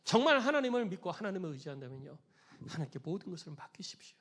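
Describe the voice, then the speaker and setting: A male pastor delivers a sermon with a strikingly high voice. He preaches emphatically and tells a parable, acting out the quoted voices. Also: very animated, fast, fairly bright tone, long reverb tail. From Korea. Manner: emphatic preaching, acts out quoted voices with raised pitch and volume.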